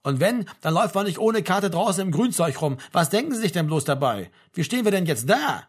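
A man playing a stern middle-aged army major, brusque, scolding, husky, fairly high. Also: very animated, brisk, full character voice.

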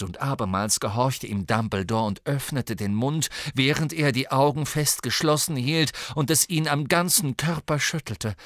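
Slow, dry-voiced male audiobook narrator. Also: a little high, a bit bright, dry recording.

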